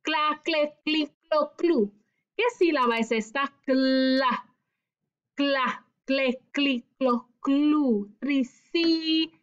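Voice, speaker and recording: A woman's voice: high-pitched, fairly even intonation, extremely slow, dull audio. A woman teaching children a phonics lesson, patiently sounding out syllables, rolling her R and answering her own questions.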